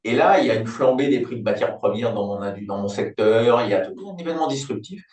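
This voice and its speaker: Older French-speaking consultant type, thoughtful and explanatory, recorded off-mic in an echoey room. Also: male voice, mid-range voice, lively intonation, fast, a little mellow. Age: 60s. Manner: reflective, explanatory, thinks aloud with homely examples. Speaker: business turnaround consultant, company founder. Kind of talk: conversational interview. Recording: roomy, distant mic.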